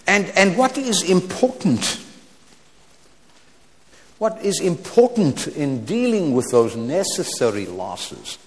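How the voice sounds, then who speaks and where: A man in his seventies preaching a sermon, swinging from loud exclamations to quiet asides, with stammered restarts and wry humorous remarks. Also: on the high side, big pitch swings, slow, pauses often, in a large hall. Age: 70s.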